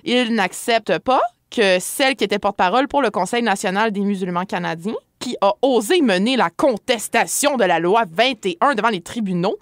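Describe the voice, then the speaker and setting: A woman's voice: medium pitch, moderate pace, few pauses, no echo, clean studio sound. A woman co-hosting a radio show, giving an emphatic, slangy rant column in a Quebec French accent.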